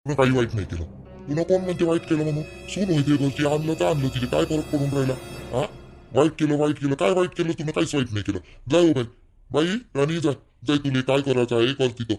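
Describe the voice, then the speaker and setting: A man voicing an older village father-in-law, who scolds loudly and then soothes. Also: mid-range voice, quick pace, faint music behind, natural voice. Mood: soothing, firm.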